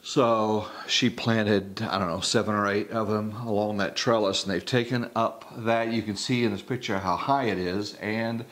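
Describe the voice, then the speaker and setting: A middle-aged man with a fairly low voice chats easily about the garden and the food. His manner is folksy, with dry jokes slipped in between remarks. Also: fairly even intonation, normal speed, few pauses, fairly bright tone. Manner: folksy, joking. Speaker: cooking channel co-host. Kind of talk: casual chat.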